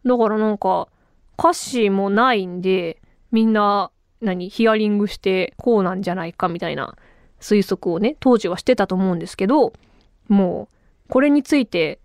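A woman in her thirties hosting a casual solo podcast, chatty and animated, her voice a little tired from talking a lot. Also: mid-range voice, moderate pace, clean tone, no echo, studio quality. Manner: chatty and animated, with frequent laughs. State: tired voice from talking too much. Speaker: radio and podcast host.

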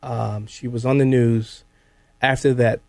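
A man's voice: medium pitch, fairly even intonation, a little slow, gravelly, a little mellow, no room sound. An American man hosting a conversational live talk radio show from a studio.

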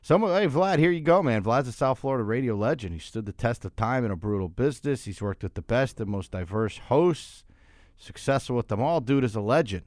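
A man's voice: medium pitch, expressive, a little fast, dry recording, studio quality. A man hosting a sports radio show with casual, conversational commentary, often repeating and rephrasing himself as he goes.

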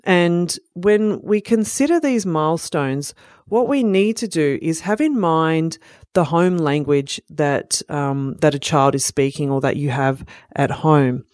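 Recorded in the studio with no echo, the same kind of teaching talk comes from a speech pathologist whose first language is Italian. Her medium-pitched voice is a little mellow and measured, and her explanations are sprinkled with "um" and "you know."

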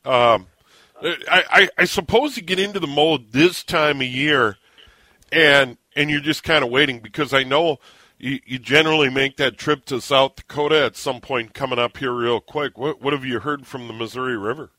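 A man's voice: mid-range voice, moderate pace, bright, forceful tone, no echo. A man hosting a sports radio show, chatting casually with a guest and often restarting his sentences. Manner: stammering restarts. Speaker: radio host.

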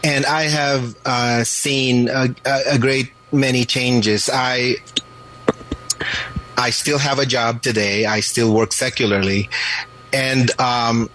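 A pastor in his late fifties, born in the Philippines, speaks on a radio program. His voice sits at an ordinary middle pitch. He stops and restarts often and lets fillers slip between his words. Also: fairly even intonation, fairly bright tone, a little hiss or hum, rough recording. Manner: halting, many restarts and fillers. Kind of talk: radio interview answers.

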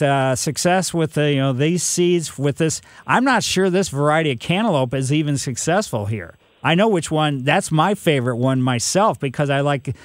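A man's voice: on the high side, no echo. A man in his sixties hosting a call-in gardening radio show, giving advice in a rambling, folksy way full of "you know". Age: 60s. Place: radio studio.

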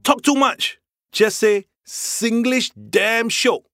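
A man's voice: extremely high pitch, slow pace, a bit bright, soft background music, exaggerated voice. A man playing a cheeky, blunt guest who explains Singlish in a Singaporean accent for a comedy show. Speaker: special guest translating into Singlish. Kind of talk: comedic scripted language demonstration in Singlish.

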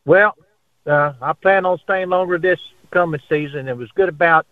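A man's voice: on the high side, moderate pace, dry recording. A man calling in to a radio show by phone and chatting casually. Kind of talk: casual friendly phone chat. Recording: narrowband phone line.

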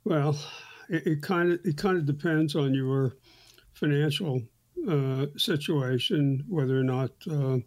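Halting man explaining retirement money. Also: a little high, a little mellow. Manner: halting, many fillers and restarts. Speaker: financial advisor host. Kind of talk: radio finance talk.

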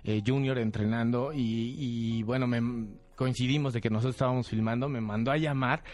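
Mexican actor guest, mid-pitched, earnest, storytelling with fillers. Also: male voice, fairly even intonation, normal speed, darkish tone. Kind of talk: interview talk.

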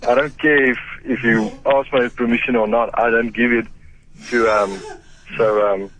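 An agitated South African man with an Afrikaans accent, speaking bluntly and haltingly on the phone as he scolds. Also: medium pitch, fairly even intonation, a bit bright. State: agitated, shaken. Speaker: prank call victim, protective brother. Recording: noisy phone line with clicks.

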